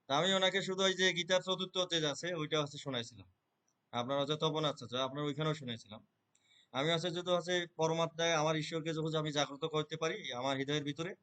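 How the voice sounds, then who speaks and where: A man's voice: fairly high pitch, pushed and bright. A man earnestly explaining how he pronounces verses, talking in a loose conversational way and checking that the listener follows. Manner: earnest, repeats filler words, chants verses rapidly in recitation. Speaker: Gita reciter. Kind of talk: conversational interview answers.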